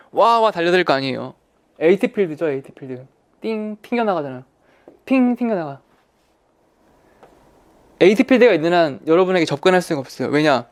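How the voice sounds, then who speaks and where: A man teaches an online insurance course in a slightly high voice. He talks colloquially, stresses and repeats key words, and acts out salespeople's lines. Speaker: insurance exam lecturer. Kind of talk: online lecture.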